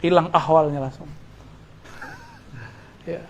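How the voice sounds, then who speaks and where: A man preaching a study sermon in a relaxed, joking way, quoting Arabic verses and chuckling between points. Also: a little high, slow. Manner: casual, joking asides, chuckles; quotes Arabic verses with religious terms.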